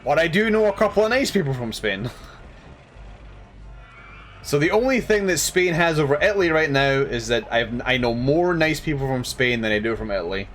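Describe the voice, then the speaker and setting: A man's voice: fairly high pitch, expressive, normal speed, a bit bright, faint music behind. A tired man chatting casually while streaming a game, rambling and laughing at himself. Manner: rambling, laughing, self-deprecating.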